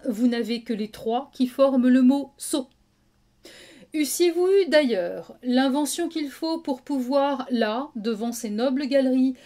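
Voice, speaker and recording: A woman's voice: on the high side, darkish tone, natural voice. A woman playing a proud, witty swordsman in hammy, declamatory theatrical verse, drawing out her words. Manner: hammy stage acting, declamatory, with drawn-out words. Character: proud, witty swordsman Cyrano mocking an insult with flourish. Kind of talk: theatrical recitation of classic French verse monologue.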